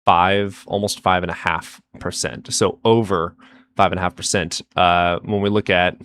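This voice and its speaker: Halting low-voiced man citing statistics. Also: steady tone, fairly bright tone, a little hiss or hum. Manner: hesitant, full of fillers, reads out statistics. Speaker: caller in a debate. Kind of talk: casual debate.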